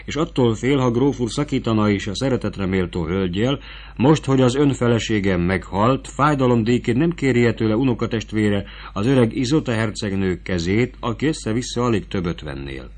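A fawning, scheming court prosecutor, put on by a male reader, wheedling and eager to strike a bargain. His voice sits fairly low. He pushes his offers with oily insistence. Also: darkish tone, natural voice.

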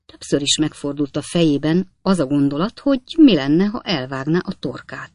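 A woman reads a classic novel aloud in a calm, even storytelling manner. Her voice is low and the recording is close and dry, with no room sound. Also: no room sound. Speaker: audiobook narrator. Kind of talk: scripted narration.

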